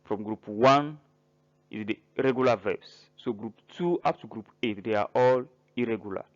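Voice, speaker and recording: A man teaching a French grammar lesson in English, listing verbs slowly and spelling out word endings letter by letter. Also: fairly low pitch, highs cut off. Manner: spells words out letter by letter, pauses between listed verbs. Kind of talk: slow grammar lesson narration.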